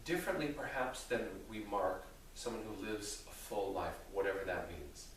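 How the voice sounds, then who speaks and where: A man speaking as a rabbi, answering theological questions in a deliberate, thoughtful way with careful qualifications. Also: fairly low pitch, expressive. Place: reverberant indoor room with an audience. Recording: very echoey room, distant mic, faint noise.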